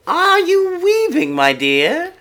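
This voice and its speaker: A woman voicing a bony old witch in a storybook reading, slow and sweetly sinister. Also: extremely high pitch, wildly swooping pitch, fairly bright tone, exaggerated voice. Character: cackling bony old witch, menacing and sly.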